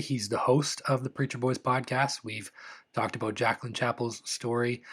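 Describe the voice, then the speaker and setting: A young adult man talks alone into the mic for his podcast. He speaks in an earnest, measured way, often restarting a sentence. His voice is a little husky, at an ordinary pitch. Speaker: podcast host. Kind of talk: solo podcast commentary.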